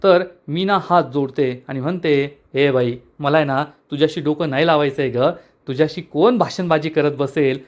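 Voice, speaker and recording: A man's voice: on the high side, normal speed, hardly any pauses. A man narrating a recap of a television serial episode, reading every character's lines in the same narrating voice. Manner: retells dialogue of all characters in one narrating voice.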